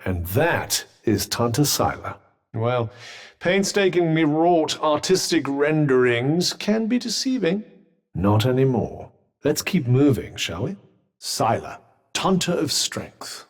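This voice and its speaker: An actor with a British accent voicing an urbane, dry-witted, sardonic magic cuff in a video game, speaking in a formal, articulate way. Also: male voice, fairly high pitch, very animated, takes it slowly, full character voice. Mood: grave, wry exposition. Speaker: video game companion character. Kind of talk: scripted game dialogue.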